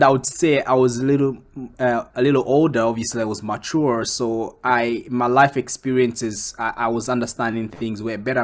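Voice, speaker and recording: Animated young man from Congo. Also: medium pitch. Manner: animated, swings up when quoting himself. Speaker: guest comic book creator and filmmaker. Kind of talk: casual interview answers.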